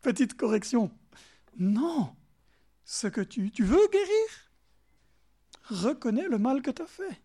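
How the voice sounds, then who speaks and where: A man with a Bernese Jura French accent preaching a sermon, emphatic and animated, speaking straight to his listeners and sometimes dropping to soft asides. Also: very high voice, takes it slowly, pauses often, slightly rough. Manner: talks directly to listeners in second person.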